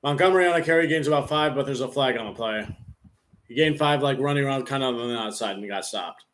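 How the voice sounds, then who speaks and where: A man talks loosely over a live football stream, leaning on "like" as he rambles between plays. His pitch sits in an ordinary middle range, and he calls the action in a relaxed, offhand play-by-play. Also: fast talker. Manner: rambling, heavy use of "like" fillers. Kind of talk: casual live game commentary.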